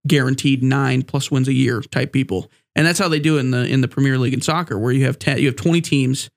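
A man's voice: medium pitch, steady tone, fast talker. A man with a stuffy, congested nose and a mild sore throat, hosting a casual sports podcast in a rambling, conversational way. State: mildly sick with a sore throat. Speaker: podcast host.

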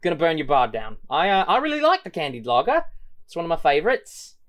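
A man's voice: huge pitch swings, fast talker, a bit bright. A man doing a sneering gang boss. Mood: taunting. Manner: mocking, high-pitched sneer. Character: menacing male gang leader, sly and taunting.

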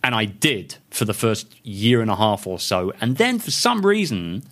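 Chatty podcast host in a home office. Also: male voice, lowish voice, normal speed. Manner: animated, chatty, many restarts. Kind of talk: casual interview chat. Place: home office full of books.

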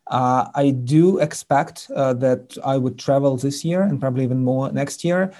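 A man from Ukraine with a Ukrainian accent, a sales executive speaking as an interview guest, halting with many fillers and restarts. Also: medium pitch, dark tone. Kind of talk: interview conversation.

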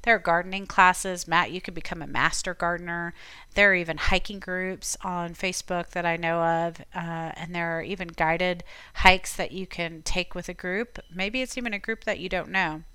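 A woman from Florida hosting a podcast, giving chatty, encouraging advice in a relaxed conversational way. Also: fairly low pitch, normal speed, clear, resonant tone, dry recording. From Tampa, Florida. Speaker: podcast host. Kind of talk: casual advice talk.

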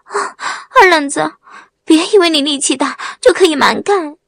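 A woman's voice: sits high, very animated, a little slow, dry recording, full character voice. A woman voicing a domineering young bride who talks down with scorn and shrieks in anger. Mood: shrieking.

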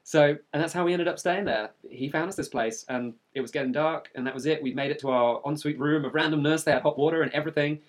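A man's voice: on the high side, fast, few pauses. A man hosting a travel podcast, telling stories casually and animatedly, acting out what people said. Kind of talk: casual chatty travel storytelling.

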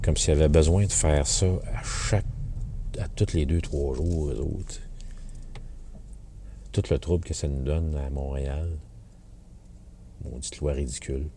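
A man's voice: a bass voice, steady tone, unhurried, long pauses, warm tone, a little hiss or hum. A man with a Quebec French accent talks in a casual, rambling monologue from his car, ranting sardonically with many fillers and restarts. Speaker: podcast host. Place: in a car while driving.

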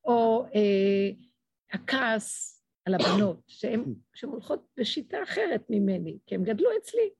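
A woman's voice: expressive, a little mellow, breathy edge, no echo. A middle-aged woman giving an emotional religious talk to an audience, acting out dialogues as she speaks. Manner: impassioned, acts out dialogues with swinging pitch.

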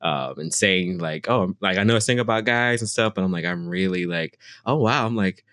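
A man's voice: low voice, fairly quick, a bit bright, no room sound, studio quality. A young man, a singer-songwriter guest, chatting casually in an interview and filling his talk with "like" and "you know". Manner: rambling, full of "like" and "you know" fillers.

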